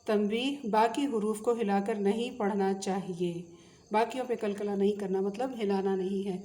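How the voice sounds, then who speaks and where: A woman with a Pakistani Urdu accent teaching a tajweed lesson, patiently drilling letter sounds and repeating them slowly. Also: medium pitch, steady tone, mellow. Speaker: Quran recitation teacher.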